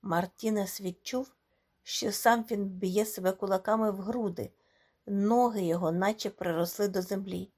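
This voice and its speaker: A woman reading a short story aloud as audiobook narration, expressive and dramatic. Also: mid-range voice, normal speed. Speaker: audiobook reader. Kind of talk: scripted narration.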